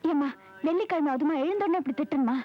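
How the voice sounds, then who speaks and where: An actress playing a cheeky young daughter, very high. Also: female voice, fast, muffled recording, lightly acted. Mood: teasing. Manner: playful, teasing, wheedling. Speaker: film heroine, grown daughter. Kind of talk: 1980s film dialogue. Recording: noisy old film soundtrack.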